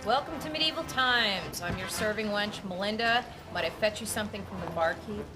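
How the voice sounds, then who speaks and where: A woman acting a snotty, sassy waitress, deadpan. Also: medium pitch, brisk, over music, natural voice, rough recording. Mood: bored recital. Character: snotty, bored waitress playing a medieval serving wench. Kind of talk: film comedy acting.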